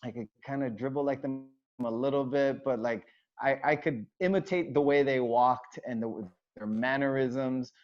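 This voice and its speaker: A choreographer and dancer from the United States, raised in Hawaii, chats casually as an interview guest, rambling with many fillers and restarts. He speaks at normal speed in a mid-range voice, and the recording has a dull, lo-fi sound.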